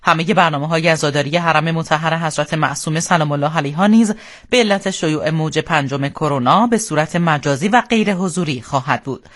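Solemn, higher-pitched Iranian man reading formal news. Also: fairly bright tone. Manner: solemn, formal newsreader delivery. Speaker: radio newsreader. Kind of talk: formal scripted news bulletin. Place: radio studio.

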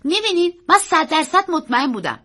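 A woman doing an eager, high-voiced young boy. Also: full character voice. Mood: excited. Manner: urgent, pleading, quick and excited.

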